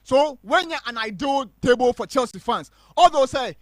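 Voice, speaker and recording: A man giving animated football commentary on a live stream, mixing English and Twi. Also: very high voice, moderate pace, no room sound. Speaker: football pundit.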